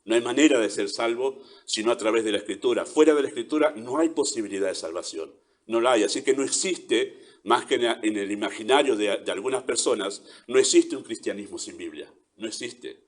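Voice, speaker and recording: A man with an Argentine accent delivers a sermon as pastor. He speaks at a middling pitch and in an emphatic way. He keeps repeating his points and asking rhetorical questions. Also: expressive, a little fast. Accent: Argentine Spanish.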